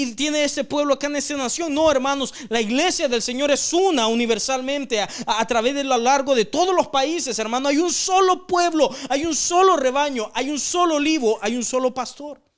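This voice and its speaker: A man leading a Bible study, teaching earnestly, repeating phrases for emphasis and often addressing listeners as brother. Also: very high-pitched.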